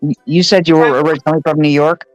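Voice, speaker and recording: A woman's voice: sits low, little pitch movement, fast talker, a little mellow, no echo, highs cut off, faint music behind. A woman chatting casually as a guest, joking and telling gossipy stories. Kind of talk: casual chat. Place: home in Connecticut.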